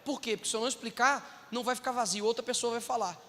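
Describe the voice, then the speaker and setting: A man with a Brazilian accent preaching a sermon in an animated way, acting out the voices of people he quotes and calling his listeners brothers. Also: extremely high pitch, quick pace, in a large hall.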